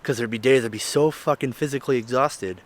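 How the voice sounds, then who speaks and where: A man's voice: mid-range voice, brisk. A young man telling his own story in a candid, rambling vlog, swearing and often checking in with "right?". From Illinois. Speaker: vlogger. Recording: faint music behind. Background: faint background music.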